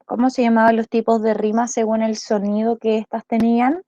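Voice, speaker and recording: A woman's voice: fairly high pitch, level tone, brisk, warm tone, no echo, highs cut off. A woman teacher with a Chilean accent, explaining a school lesson patiently and checking often whether the class follows.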